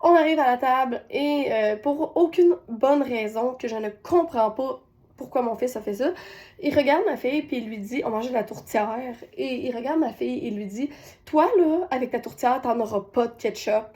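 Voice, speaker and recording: A woman's voice: high-pitched, moderate pace. Québécois woman telling a family story. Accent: Québécois French. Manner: lively, retells scenes with quoted voices. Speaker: parenting coach. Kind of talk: personal storytelling to camera.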